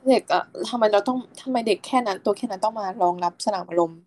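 A woman's voice: medium pitch, fast talker, a little mellow. A young woman from Thailand, a student co-hosting a podcast, chatting casually in a blunt, slangy way with a close friend. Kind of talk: casual chat.

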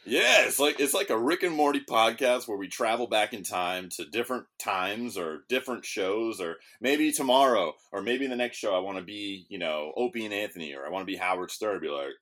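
A man with a low voice hosts a casual podcast. He rambles from topic to topic, swears freely and restarts his sentences, talking into a studio microphone. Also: brisk, few pauses, fairly bright tone. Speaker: podcast host.

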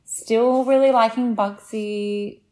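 A woman's voice: on the high side, fairly even intonation, takes it slowly, a little mellow. A woman co-hosting a podcast, chatting in a rambling way, with restarts and trailing sentences. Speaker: podcast co-host. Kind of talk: casual recap chat.

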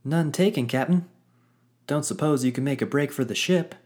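A man's voice: fairly high pitch, moderate pace, a little mellow, voice pushed up, close to an everyday voice. A man doing a chipper froglike crewman. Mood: cheeky. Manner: cheeky, upbeat. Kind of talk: audio drama character acting.

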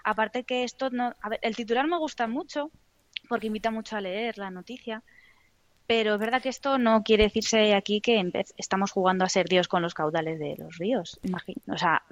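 A woman's voice: medium pitch, steady tone, fairly quick, no room sound, dull audio. Chatty woman podcast guest. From Almagro, Ciudad Real, Spain. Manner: hesitant, chatty with laughs. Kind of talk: casual podcast chat.

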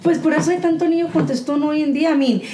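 A woman frankly telling stories from her childhood in a casual podcast chat, animated and swearing. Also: sits high, rapid-fire. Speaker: podcast participant. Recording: echoey room with faint noise.

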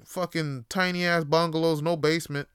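Guy ranting on his podcast, cussing a lot, smooth voice, dry close sound. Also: steady tone, normal speed, no echo. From Toronto, Canada. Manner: profane, rambling, swings between loud outbursts and low musing. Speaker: podcast host. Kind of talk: solo casual rant.

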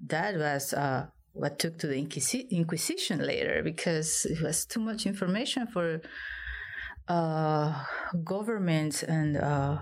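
A woman with a low voice, originally from Peru, talks about her work as a guest in an interview. She speaks in a thoughtful, hesitant way, pausing often with ums and uhs as she works out her thoughts. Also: animated. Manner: hesitant, thoughtful, many fillers. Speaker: guest artist. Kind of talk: interview conversation.

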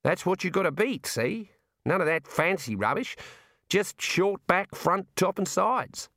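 A man voicing wry, deadpan male farmhands who drawl slowly. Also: high voice, dry recording, clean studio sound, pitched above the performer's own voice, full character voice. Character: dry-witted rural male shearers.

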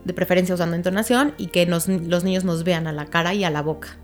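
A woman's voice: on the low side, fairly even intonation, quick pace, soft background music. A woman speech therapist, patiently explaining with examples and checking that her listener follows. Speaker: child language therapist. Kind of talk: explanatory interview talk.

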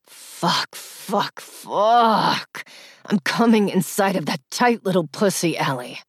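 A woman voicing a cocky, dominant young man in an audiobook, speaking in a low murmur. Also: expressive, slow pace, breathy edge, no room sound, clean studio sound, full character voice. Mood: husky, commanding.

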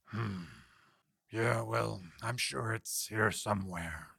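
A man voicing a distracted, hot-tempered male lion head of a chimera, gravelly and prone to roaring. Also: on the low side, takes it slowly, sharp tone, no room sound, studio quality, exaggerated voice.

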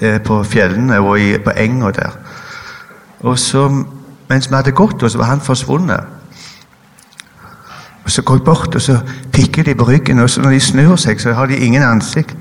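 A man telling a personal faith testimony in a halting, hesitant way, pausing often with fillers. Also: mid-range voice, in a large hall. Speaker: guest giving a personal testimony. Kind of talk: emotional spoken testimony.

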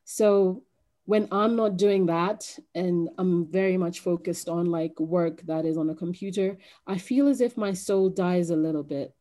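A woman from Kenya talking as a guest on a podcast, with a low, mellow voice. She speaks thoughtfully and hesitantly, filling her pauses with ums. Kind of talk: podcast conversation.

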